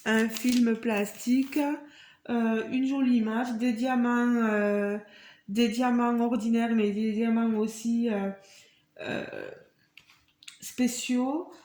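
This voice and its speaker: A woman with a fairly high voice unboxes a craft kit for her vlog, speaking slowly. She chats straight to her viewers and marvels at each piece. Her voice carries a roomy echo. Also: steady tone, darkish tone. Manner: chatty, addresses viewers directly; marvels at the items she shows. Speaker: crafts vlogger.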